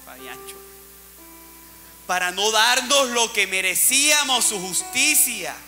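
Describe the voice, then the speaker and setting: A male pastor preaches in a high, piercing bright voice, rising and dropping sharply as he acts out the figures of the story. His words ring through a reverberant church hall while faint music plays underneath. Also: big pitch swings, takes it slowly. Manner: preaching with dramatic swings, acting out Bible characters. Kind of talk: sermon.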